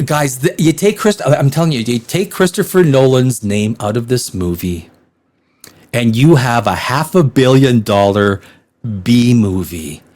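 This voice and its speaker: A man's voice: on the high side, a little mellow. A man hosting a blunt, sarcastic movie review, laughing often as he rants. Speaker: film critic host.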